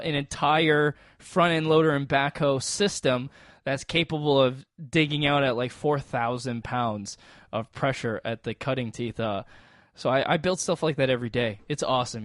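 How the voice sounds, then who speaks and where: A man's voice: mid-range voice, normal speed, fairly bright tone, dry recording, studio quality. A man co-hosting a podcast, talking in an enthusiastic, emphatic way in casual chat. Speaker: podcast co-host.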